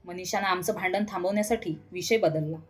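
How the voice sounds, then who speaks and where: A woman's voice: lowish voice, a little fast, faint music behind. A woman narrating a scripted story in the first person, from a husband's point of view.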